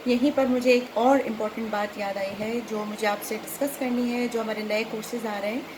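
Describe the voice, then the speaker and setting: Speaking fairly quickly in a fairly high, evenly pitched voice, this middle-aged Pakistani host and voice-over trainer explains things conversationally to her viewers, code-mixing English words. There's clearly audible background noise.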